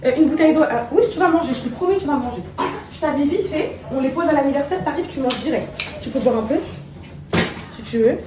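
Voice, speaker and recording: A young mother vlogging casually at home, rambling and animated with many restarts, and cooing affectionately to her children. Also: high voice, fast. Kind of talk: casual vlog chat to viewers. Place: home with kitchen. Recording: echoey room with background noise.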